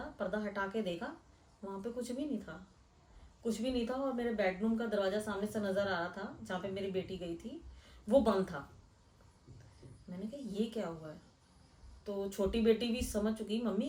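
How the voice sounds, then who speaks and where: A middle-aged woman from Delhi recounts a frightening experience from her own life. She speaks in a hushed, earnest way at a medium pitch. The room rings around her, and she sits a little back from the microphone. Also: distant mic. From Delhi, India. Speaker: storyteller. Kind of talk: first-person recounting of a real incident. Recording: echoey room, voice a bit off-mic.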